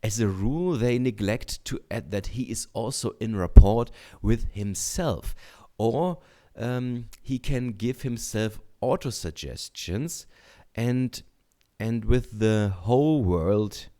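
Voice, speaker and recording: A man reading a book aloud in a deliberate, measured way, adding short comments as a teacher. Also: on the low side, dark tone. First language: German.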